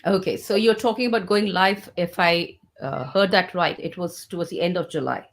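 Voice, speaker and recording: A woman's voice: fairly low pitch, normal speed. A woman hosting an online interview, asking long questions with fillers and restarts. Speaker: host.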